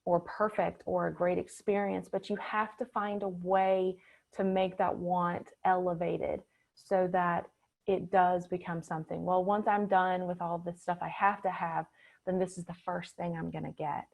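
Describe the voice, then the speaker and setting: A woman's voice: on the low side, normal speed, vocal fry. Woman on a call, audio cutting in and out. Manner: steady explaining with filler "um"s. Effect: audio cutting in and out, uneven volume. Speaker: webinar speaker. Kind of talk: business talk on a video call. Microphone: video call.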